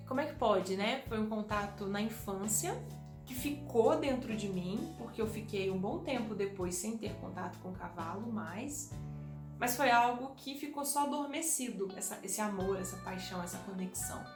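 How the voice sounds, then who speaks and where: A woman telling a childhood memory to her viewers in an animated way, often speaking to them directly. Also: on the high side, normal speed, music in the background. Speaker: vlogger. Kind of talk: personal storytelling. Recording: echoey room.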